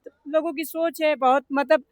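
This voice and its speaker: A man's voice: very high-pitched, fairly even intonation, normal speed, no room sound, studio quality. A young man with a Banaras Hindi accent, answering interview questions earnestly, rambling with many fillers. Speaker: interviewed business owner.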